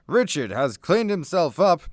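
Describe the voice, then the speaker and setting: Reading from a script, a fairly high-voiced man narrates a comedy radio play. His delivery is lively but takes its time, and the recording is close and dry.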